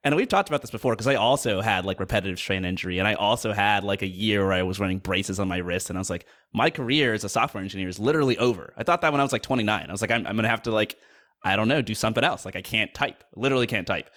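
A man in his thirties hosts the conversation, chatty and quick to laugh. He talks fast in a somewhat low voice. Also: fairly bright tone. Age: 30s. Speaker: interview host. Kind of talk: casual interview chat.

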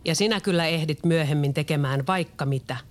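A reader doing a calm, kind father. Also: medium pitch, close to an everyday voice. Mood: gentle.

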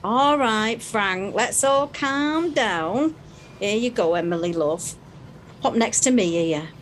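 An actress playing a blunt, brassy and bossy gym regular in a sitcom. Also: female voice, medium pitch, lively intonation, slow, a little hiss or hum. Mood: brash. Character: brash tactless woman, gym regular, bossy. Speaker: gym class member. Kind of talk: sitcom acting.

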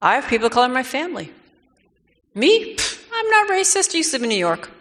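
A woman giving a lecture to a live audience, animated and mocking as she acts out quoted lines. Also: high-pitched, quick pace, noisy background. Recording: long reverb of a lecture hall.

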